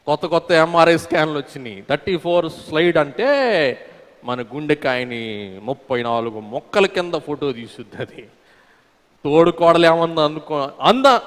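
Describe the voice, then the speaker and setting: A man preaching a sermon. He tells homely stories and prompts the congregation to call answers back to him. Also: fairly high pitch. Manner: folksy storyteller with homely examples. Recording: long reverb from a hall.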